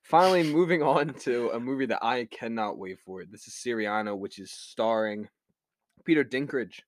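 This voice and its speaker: A man's voice: medium pitch, moderate pace, a little hiss or hum. A man with a Delaware County, Philadelphia accent, chatting casually as he hosts a film review podcast. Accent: Delaware County, Philadelphia area. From Delaware County, Pennsylvania, USA. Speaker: podcast host.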